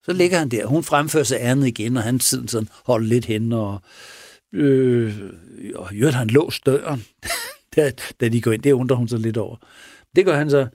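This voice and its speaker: A man who is a police officer, retelling a case in a casual interview, halting with pauses and restarts. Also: mid-range voice, a little mellow, no echo, clean studio sound. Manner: halting, with many pauses and restarts, acts out quoted speech. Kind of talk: casual spoken storytelling in an interview.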